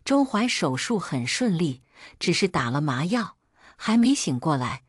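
A woman narrating a web novel in first person with steady storytelling. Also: on the low side, unhurried, husky, dry recording, clean studio sound.

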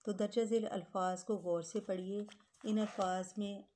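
A woman's voice: mid-range voice, fairly even intonation, moderate pace, mellow, a little hiss or hum. A woman teaching a grade-school Urdu grammar lesson, patiently spelling words out letter by letter and calling her pupils children.

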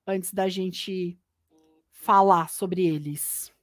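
A woman with a Brazilian accent giving a live online English lesson, chatty and lively, mixing English words into her Portuguese. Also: lowish voice, very slow, no room sound. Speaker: English teacher. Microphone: computer mic on a live stream.

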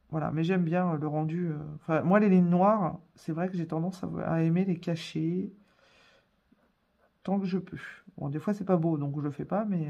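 A woman's voice: fairly low pitch, darkish tone. Chatty woman with lots of fillers. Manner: chatty, hesitant, many fillers. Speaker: coloring tutorial host. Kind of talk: casual voice-over tutorial.

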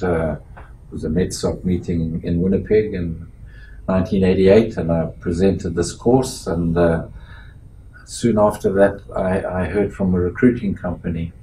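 Older guy from zimbabwe, pretty monotone, lots of uhs and restarts, faint room hum. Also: low voice, rough recording. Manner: measured, halting with frequent uh and restarts. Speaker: interviewee, metallurgist. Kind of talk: oral history interview. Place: small office meeting room indoors.

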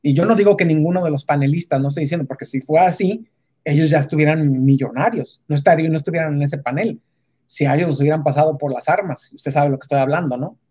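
A woman's voice: low voice, fast talker, mellow, breathy edge. A woman giving an emphatic, casual opinion monologue, often restarting and stopping to ask rhetorical questions. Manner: keeps adding rhetorical tag questions; emphatic, with many restarts and hesitations.

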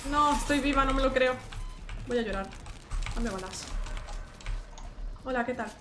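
A woman's voice: a little high, a little slow, loud music behind the voice. A young woman with a Spain Spanish accent giving casual gameplay commentary as a streamer, shrieking and swearing at the action, then reading item menus aloud to herself.

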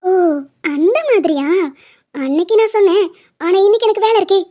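A woman's voice: extremely high pitch, lively intonation, normal speed, warm tone, lo-fi sound. A woman voicing a playful young wife in a cartoon, coy and teasing.

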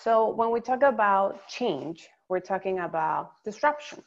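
A woman from Venezuela, a psychologist, presenting slides on a webinar in a measured, explanatory way. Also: mid-range voice, animated, lo-fi sound. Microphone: video call.

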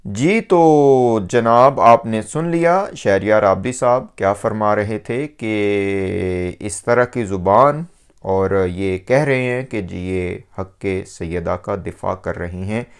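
A man giving a measured religious commentary, pausing often on fillers. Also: fairly low pitch, clean tone. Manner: measured, with frequent hesitation fillers.

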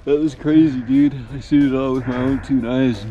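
A man's voice: mid-range voice, steady tone, normal speed, dark tone, dull audio, soft background music. A man in his twenties chatting casually outdoors in a slangy, hyped-up way. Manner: slangy, hyping his friend up. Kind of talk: casual chat. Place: outdoors by a winter river.

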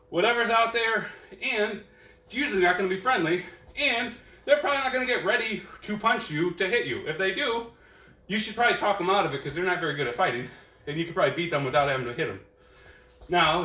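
A karate instructor teaching an online class in a dojo training room counts drills aloud and explains self-defense in an easygoing, joking manner. His voice sits high and sounds pushed and bright, coming from far off in an echoey room.

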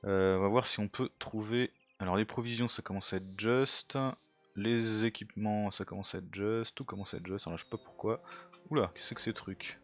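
Male gamer, lower voice, casual thinking-aloud commentary, self-mocking; dull lo-fi mic, soft music bed. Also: fairly even intonation, fairly quick. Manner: thinks aloud, muttering to himself. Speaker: let's play gamer.

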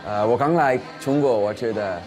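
A man's voice: mid-range voice, normal speed, darkish tone. A young man from Switzerland with a foreign accent in Mandarin, introducing himself as a dating show contestant in a video. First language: not Chinese. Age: young adult. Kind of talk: narrated video self-introduction. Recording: music playing behind the voice.

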